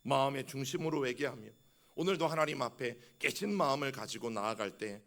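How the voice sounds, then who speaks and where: A man's voice: mid-range voice, brisk, fairly bright tone. A middle-aged male senior pastor preaching a sermon with passion, often calling out to his congregation and acting out heartfelt prayers. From South Korea. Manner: impassioned preaching with repeated direct address to the congregation; acts out heartfelt prayers aloud.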